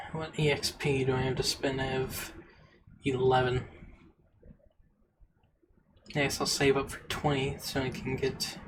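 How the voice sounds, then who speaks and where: A man streams a game and reads its story text aloud between relaxed, unhurried remarks. His delivery is slow and his pitch stays level with little rise or fall. A steady hiss of noise sits under the recording. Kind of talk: casual gameplay commentary.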